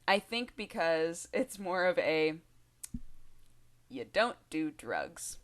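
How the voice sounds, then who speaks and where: A young woman in her twenties vlogging in a loose, rambling way. Her voice sits a little low, and she laughs easily, circling back on herself with lots of ums and likes. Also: big pitch swings, slow pace. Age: 20s. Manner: chatty, giggly, full of fillers and restarts. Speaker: video blogger. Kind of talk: casual rambling vlog.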